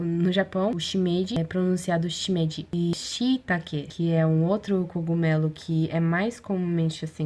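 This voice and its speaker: A woman vlogger talking casually to her viewers, chatty and animated, with slangy asides. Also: on the low side. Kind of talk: casual explainer vlog.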